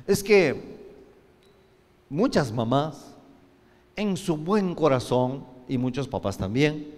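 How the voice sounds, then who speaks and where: A man's voice: on the high side, animated, slow, a little mellow, in a large hall. A man preaching a sermon as pastor, telling stories with frequent restarts. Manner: storytelling, acting out quoted voices, many restarts.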